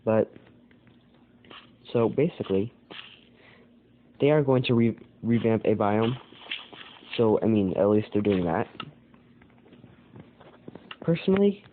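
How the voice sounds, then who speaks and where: A man's voice: fairly low pitch, animated, slow, long pauses. Rambling American guy on a tinny mic. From United States. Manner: rambling, full of fillers and self-corrections. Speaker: channel host. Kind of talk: casual rambling commentary. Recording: tinny phone-like sound with faint noise.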